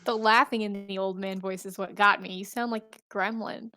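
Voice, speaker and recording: A woman's voice: mid-range voice, fairly even intonation, normal speed, pushed and bright. A woman playing a tabletop role-playing game, chatting casually and describing what her character does. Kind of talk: casual chat and in-character play.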